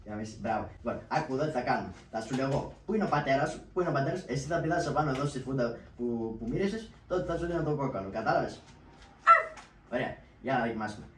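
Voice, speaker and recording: A man voicing a brash, scheming trickster who scolds and shouts orders, in a shadow puppet play, with roomy echo and distant mic. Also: medium pitch, lively intonation, background noise, natural voice. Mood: bossy. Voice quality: loud, scolding.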